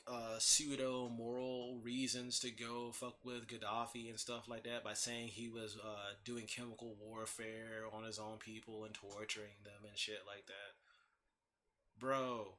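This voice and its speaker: A man's voice: medium pitch, flat delivery, normal speed, hardly any pauses, pushed and bright, a little hiss or hum. A man ranting casually and bluntly about politics, swearing constantly and restarting his sentences. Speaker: host ranting on his own channel. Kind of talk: casual profane rant.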